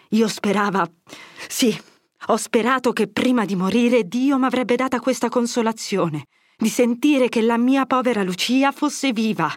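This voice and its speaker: A woman's voice: fairly low pitch, no echo, clean studio sound, natural voice. A woman reading an audiobook, voicing a grave elderly male friar whose solemn words turn to severe rebuke. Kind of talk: audiobook character voice.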